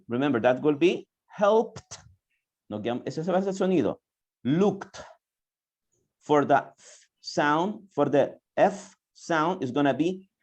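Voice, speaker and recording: Over a video call, this Spanish-speaking English teacher runs an online class in a mix of English and Spanish, slow and patient throughout. He draws answers from students by repeating words slowly, in a darkish, medium-pitched voice.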